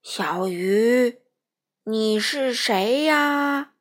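A woman voicing a lost baby whale, a huge and tearful young male creature who speaks slowly and loudly, drawing his words out. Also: a little high, lively intonation. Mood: booming. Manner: slow, loud and drawn out.

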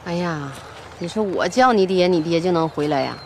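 A woman's voice: fairly low pitch, animated, a little fast, a little hiss or hum. An actress playing a practical, resigned rural mother.

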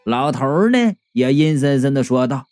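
Brief: male comic narrator, animated and a bit high, faint music bed. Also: moderate pace, dry recording. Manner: chatty, lively, colloquial storytelling. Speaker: storyteller.

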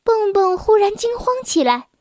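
A woman narrating a children's storybook in a gentle, unhurried manner. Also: extremely high pitch, big pitch swings, dry recording, clean studio sound.

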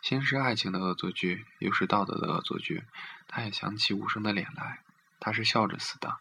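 A man reading a literary story aloud in a steady, measured way. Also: on the low side, gravelly, slight background noise.

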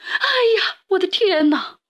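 A woman's voice: fairly high pitch, lively intonation, normal speed, a bit bright. A woman voicing a tiny, frail old woman in a storybook, with squealing cries and motherly scolding. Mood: frightened.

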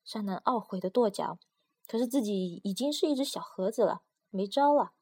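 A woman narrates a children's storybook in an even, measured way. Her voice is mellow and warm, without any sharpness. She reads at a steady pace. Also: medium pitch, slightly rough.

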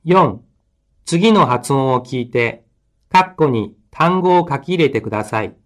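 A man reading numbered instructions for a language listening course, slow and deliberate. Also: medium pitch, lively intonation, a bit bright.

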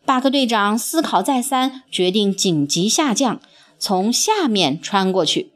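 A woman narrating a children's story in an expressive, sing-song storytelling manner. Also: medium pitch, a little slow.

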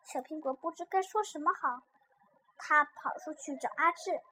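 A woman reading a children's story aloud in a lively, expressive way. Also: sits high, moderate pace, slight background noise.

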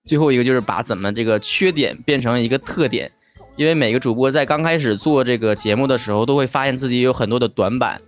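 A man with a Northeastern Chinese accent talks as a guest podcaster. His voice sits at a medium pitch and his wording is colloquial and joking. Faint music runs underneath. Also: quick pace, dull audio. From Shenyang, northeastern China. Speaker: talk-show podcaster, guest instructor. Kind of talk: casual explanatory talk.

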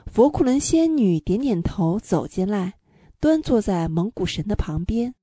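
A woman narrating a children's storybook with a gentle, clear delivery. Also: medium pitch, very animated, measured pace, no room sound, studio quality.

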